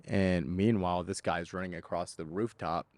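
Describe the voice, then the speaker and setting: A man with a low voice recounts what he witnessed in a casual interview. He speaks in slangy, halting bursts, often repeating and restarting a phrase. The sound is dry and close. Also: steady tone, a little mellow, dry recording. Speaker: eyewitness being interviewed.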